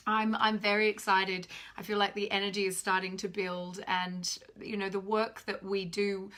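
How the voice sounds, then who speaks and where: A spiritual teacher in her thirties hosts a casual live stream from a room at home, talking to a phone camera held at arm's length. Her mid-range voice is slightly croaky, and she chats animatedly and self-deprecatingly, gesturing a lot.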